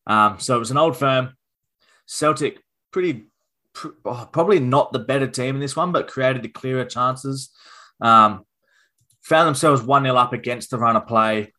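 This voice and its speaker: A man's voice: medium pitch, normal speed. A man co-hosting a casual football podcast, thinking aloud with plenty of ums and restarts. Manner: relaxed, thinks aloud with fillers. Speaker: podcast co-host.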